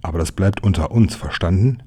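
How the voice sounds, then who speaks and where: A man's voice: sits low, a little fast, darkish tone, slightly rough. A man voicing a cocky, streetwise city boy who talks in slang. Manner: cocky, slangy, whispering at times.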